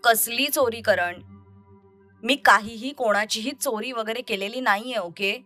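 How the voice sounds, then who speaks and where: A woman voicing a young woman who is defensive and tense while being exposed, over soft music. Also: on the high side, unhurried. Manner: tense, pleading for him to leave. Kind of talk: audio story reading.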